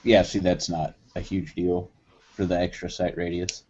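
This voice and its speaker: A man with a very low, husky voice talks in a casual group podcast, hesitating and thinking aloud. The sound is dull and lo-fi. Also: little pitch movement, moderate pace, a little mellow. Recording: dull lo-fi audio.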